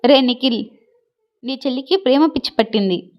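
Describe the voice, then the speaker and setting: A woman's voice: sits high, animated, brisk. A woman voicing an angry, sarcastic young man in a read-aloud love story, blunt and scolding. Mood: scornful. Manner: scornful, mocking. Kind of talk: storybook reading.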